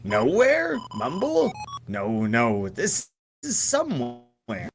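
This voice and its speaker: A man's voice: mid-range voice, huge pitch swings, slow pace, music in the background, exaggerated voice. A man voicing a cryptic old male book wizard in a game, who mutters "mumble, mumble" between riddling remarks.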